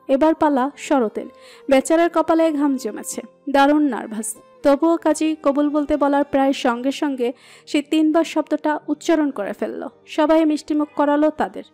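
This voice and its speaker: Brief: female storyteller, high mellow tone, steady expressive narration. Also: normal speed. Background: soft background music.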